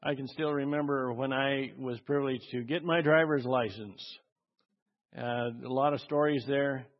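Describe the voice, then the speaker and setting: A male pastor preaching a conversational sermon, asking the congregation questions and often pausing with fillers. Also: medium pitch, fairly even intonation. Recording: dull audio with long hall reverb.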